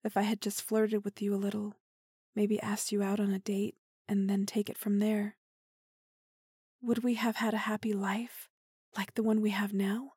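A woman playing an obsessive, possessive young woman who kidnapped her lover, speaking softly and intimately and often dropping to a whisper. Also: medium pitch, monotone, a little fast, hardly any pauses, slightly rough, no echo, clean studio sound. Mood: remorseful, tender. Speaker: voice actor in audio roleplay. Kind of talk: intimate listener-roleplay audio drama.

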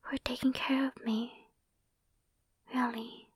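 A young woman speaking in a soft, intimate whisper for an ASMR roleplay, sweet and affectionate, close to the microphone. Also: a little high, level tone, takes it slowly, breathy edge, dry recording. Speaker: ASMR performer. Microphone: close sensitive microphone.

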